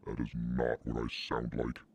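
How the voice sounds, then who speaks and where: A man streaming a game while talking through a voice changer that shifts his voice very deep, in slow deadpan lines. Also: creaky, slightly rough, exaggerated voice. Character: very deep, gravelly voice-changer persona of a grown man. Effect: voice changer pitching his voice very deep. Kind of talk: gaming stream banter.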